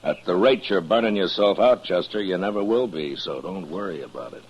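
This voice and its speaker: An actor playing a calm, dry-humored frontier marshal in an old radio western, speaking in an easygoing, wry way, heard over AM radio. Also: male voice, low voice, brisk, a little hiss or hum. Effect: old AM radio broadcast sound. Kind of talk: 1950s radio drama acting. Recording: muffled lo-fi old radio broadcast.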